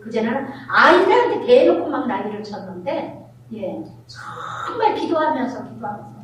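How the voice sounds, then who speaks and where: A middle-aged woman pastor preaching a sermon, telling family stories with animated, acted-out scenes. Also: a little high, normal speed, a little hiss or hum. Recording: very echoey hall, voice from far off.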